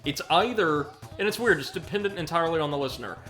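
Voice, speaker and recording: An American man talks fast and animatedly in a fairly high, fairly bright voice while streaming a video game live. Over the game's music, he rambles, makes puns at his own expense and reads chat messages out loud.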